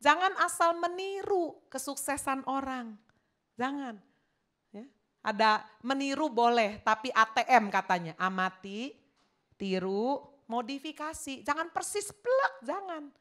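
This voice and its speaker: Woman pastor preaching hard at the congregation, high bright voice. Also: lively intonation, a little slow. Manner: emphatic, talks straight to the congregation. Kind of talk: sermon.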